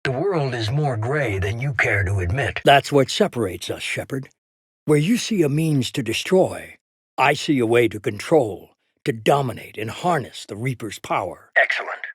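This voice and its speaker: An actor playing a shadowy middle-aged leader in a video game, cold, calculating and commanding, speaking in a measured, deliberate way. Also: male voice, medium pitch, expressive, slightly rough, dry recording, studio quality. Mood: firm, controlled. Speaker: head of a secret organisation. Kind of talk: dramatic video game voice acting.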